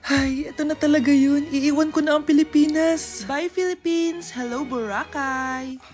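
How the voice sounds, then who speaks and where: A woman playing many characters in short comedy skits, loud and theatrical. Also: high-pitched, steady tone, a little slow, soft background music.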